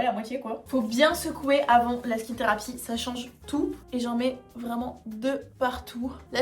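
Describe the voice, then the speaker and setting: A woman in her twenties chatting casually through a skincare routine in a vlog, upbeat and full of slang. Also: a little high. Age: 20s. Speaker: beauty vlogger.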